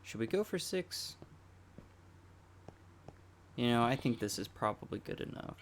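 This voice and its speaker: A man with a raspy, allergy-hoarse voice giving casual gameplay commentary, thinking aloud and correcting himself as he goes. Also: lowish voice, a little hiss or hum. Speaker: gameplay channel host. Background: loud music.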